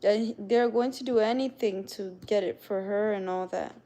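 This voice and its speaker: A young woman with a non-native English accent hosts a casual livestream, chatting with viewers and greeting them by name. Her voice is medium-pitched and dark, at a normal speed.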